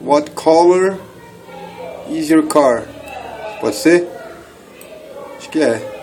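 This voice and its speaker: A man in his thirties from Brazil, teaching English in a casual lesson, switching between quick asides and slow, careful reading of English phrases. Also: a little high, lively intonation, a little mellow, a little hiss or hum, low-quality recording. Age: 30s. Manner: explains in quick asides, slows down to read English. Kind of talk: casual bilingual language lesson.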